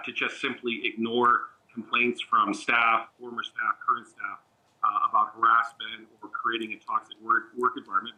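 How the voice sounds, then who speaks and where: A man giving a political analysis in a remote news interview, measured and halting, with frequent fillers and restarts. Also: medium pitch, pushed and bright, low-quality recording.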